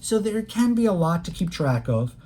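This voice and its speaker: A math instructor delivering a recorded calculus lecture in a mellow, warm voice. The teacher talks plainly and directly to students, explaining each step with patience and leaning on key words to make them stick. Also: mid-range voice, big pitch swings, moderate pace, slightly rough. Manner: plain conversational teaching, speaks straight to students.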